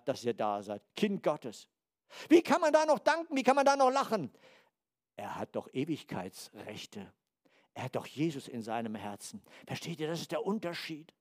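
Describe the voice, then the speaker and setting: A man in his seventies preaching a sermon in a lively way, acting out quotes and dropping into quiet asides. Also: medium pitch, normal speed. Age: 70s.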